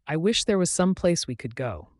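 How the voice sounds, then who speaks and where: A man's voice: a little high, sing-song, moderate pace, no room sound, studio quality, voice pushed up. A man voicing a terse, reserved young soldier. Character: young male soldier, reserved, plain-spoken.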